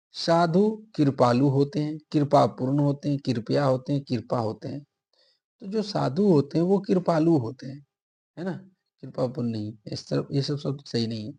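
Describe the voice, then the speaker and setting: A man's voice: medium pitch, vocal fry, dark tone, slightly rough. A man teaching an exam-prep grammar lesson, explaining step by step and repeating each answer option aloud.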